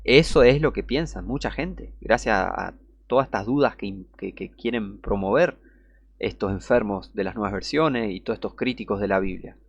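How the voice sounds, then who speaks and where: A man's voice: lowish voice, normal speed, creaky, no echo, lo-fi sound. A man giving heated Bible teaching, indignant and scornful, repeating his points.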